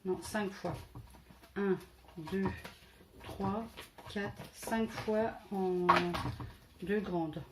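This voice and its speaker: A woman's voice: mid-range voice, fairly even intonation, extremely slow, pauses often, heavy background noise. A woman from France presenting a casual scrapbooking haul, hesitant and full of fillers, counting items aloud as she shows them. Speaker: scrapbooking vlogger.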